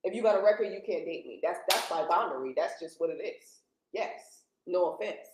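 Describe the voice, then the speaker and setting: A woman's voice: lowish voice, lively intonation, brisk, roomy sound, background noise. A woman in her thirties speaking bluntly and plainly as a guest in a casual podcast conversation, with slangy phrasing. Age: 30s.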